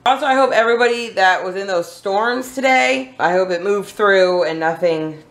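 A woman's voice: medium pitch, moderate pace, low-quality recording. Chatty woman vlogging. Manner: chatty, rambling, giggly. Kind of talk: casual vlog chat.

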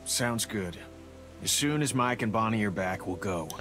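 An actor voicing a gruff middle-aged male survivor in a video game, blunt and reassuring, over clear game music. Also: on the low side, expressive, moderate pace, fairly bright tone.

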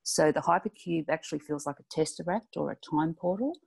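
Woman, low-pitched, careful, detailed describer, online class participant. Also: vocal fry, darkish tone, breathy edge. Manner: detailed, deliberate descriptive telling. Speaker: class participant asking a question.

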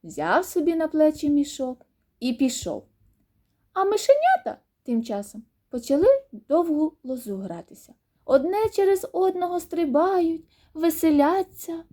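A woman reading a children's fairy tale aloud in an expressive, sing-song storytelling manner. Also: sits high, measured pace.

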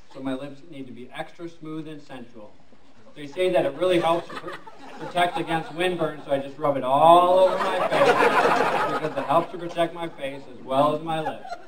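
A young man giving a comic best man skit, talking in mock-commercial patter and chuckling through his lines. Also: a little high. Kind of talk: comic skit at a wedding reception. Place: indoor banquet hall. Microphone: far camera. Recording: echoey hall, far from mic, noisy.

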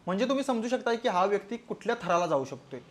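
A man's voice: sits high, big pitch swings, fast. A man with a Marathi accent delivering a crude, scolding comedy roast commentary.

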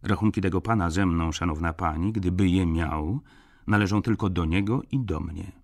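A man reading an audiobook, voicing a calm, formal, dignified merchant. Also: low-pitched, moderate pace, dry recording, clean studio sound. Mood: cool. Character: reserved, dignified male merchant.

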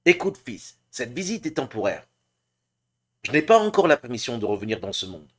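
A man's voice: mid-range voice, very animated, moderate pace. A man voicing a grave dead father who speaks to his son, in an anime dubbing demo. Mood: solemn.

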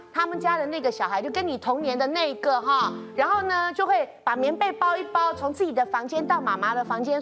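A mother on a talk show telling stories about her daughter and acting out what each of them said. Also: sits high. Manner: chatty, acts out her own lines and her daughter's.

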